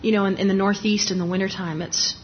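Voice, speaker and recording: A woman's voice: mid-range voice, level tone, quick pace, lo-fi sound, a little hiss or hum. A woman lecturing on dermatology in a conversational, explanatory way, restarting sentences often and talking with a lozenge in her mouth. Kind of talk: live lecture.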